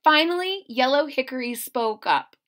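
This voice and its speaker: A woman reads a children's story aloud with lots of expression, pausing for asides and questions to her listeners. Her voice is high, animated and slightly bright, and she keeps a moderate pace.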